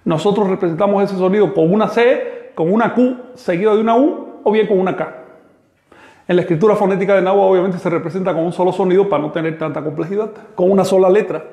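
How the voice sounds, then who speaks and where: A man. He talks slowly and patiently, spelling out sounds and repeating words one by one. The room around him is echoey. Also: sits high, warm tone. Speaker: teacher. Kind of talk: online language class.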